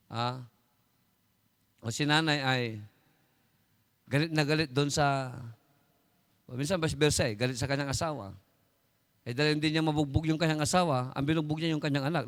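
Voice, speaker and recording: A man with a Filipino accent preaching a sermon as pastor, reading scripture slowly and with emphasis as he moves between Tagalog and English. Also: fairly high pitch, fairly bright tone, big-room sound.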